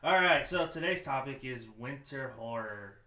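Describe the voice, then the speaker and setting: A man's voice: mid-range voice, animated, moderate pace, sharp tone. A man hosting a casual horror podcast, laid-back and laughing, with lots of fillers. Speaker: podcast host. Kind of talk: casual chat.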